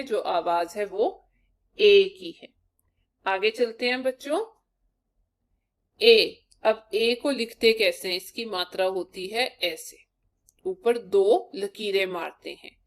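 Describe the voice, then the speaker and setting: A woman's voice: medium pitch, fairly bright tone. A woman teacher giving a primary-school lesson, sounding out letters one at a time for young children.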